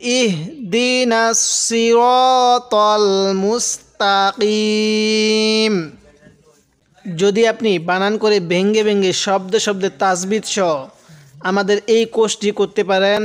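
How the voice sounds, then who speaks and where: A man teaching Quran reading in a lesson, spelling out each word slowly and pausing for viewers to repeat after him. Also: high voice, steady tone. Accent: Bangladeshi Bengali. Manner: slow drawn-out syllable-by-syllable recitation, then quicker plain explanation; addresses viewers directly and pauses for them to repeat.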